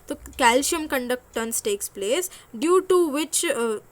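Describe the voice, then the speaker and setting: A woman's voice: high-pitched, animated, slow pace, slight background noise. A young woman giving a physiology lecture, explaining step by step with frequent fillers and self-corrections.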